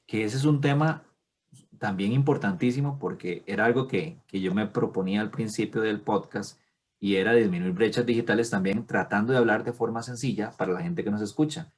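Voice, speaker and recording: Husky-voiced podcast host. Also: male voice, fairly low pitch, brisk. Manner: enthusiastic, chatty, frequent affirmations. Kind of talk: casual podcast interview.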